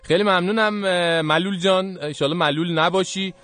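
A man's voice: sits high, fairly even intonation, fairly bright tone. A man hosting a radio show, chatting casually and joking with his co-host and callers. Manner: friendly, joking, quick back-and-forth. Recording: radio studio broadcast with faint music.

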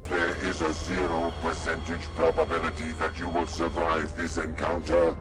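Very deep, monotone killer droid. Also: male voice, normal speed, soft background music. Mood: cold threat. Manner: clinical, flat. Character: cold, calculating killer droid predicting doom.

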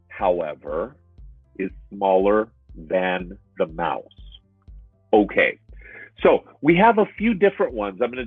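A man teaching English, drawing out and repeating words slowly with lively emphasis for learners. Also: medium pitch, slightly rough, no room sound. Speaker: English tutor. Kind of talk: slow, drawn-out teaching with examples. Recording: muffled, phone-like online lesson audio.

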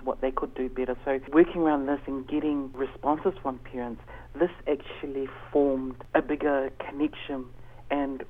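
A man giving earnest, explanatory answers as a guest in a conversational interview. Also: mid-range voice. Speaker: interview guest, education facilitator. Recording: tinny narrow phone line.

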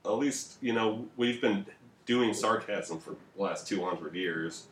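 Low-voiced man rambling on a podcast. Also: measured pace, a little hiss or hum. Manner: rambling, profane, laughing asides. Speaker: podcast co-host. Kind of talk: casual history podcast chat. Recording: echoey home room.

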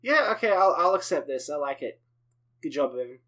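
Brief: playful man guest, a bit high-pitched. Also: sing-song, a little fast, sharp tone. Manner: playful, riffing jokes. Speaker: podcast guest. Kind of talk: casual podcast chat.

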